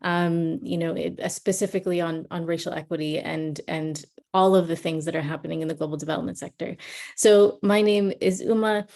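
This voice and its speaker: A woman panellist introducing herself in a halting, thoughtful way. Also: lowish voice, fairly even intonation, creaky, darkish tone. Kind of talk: informal self-introduction on a panel.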